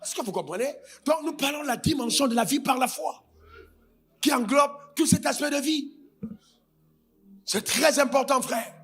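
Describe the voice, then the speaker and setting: High-pitched guy preaching, sing-songy and shouty, soft music under him. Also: moderate pace, pauses often. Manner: emphatic, sing-song preaching with bursts of shouting. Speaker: pastor. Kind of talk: sermon.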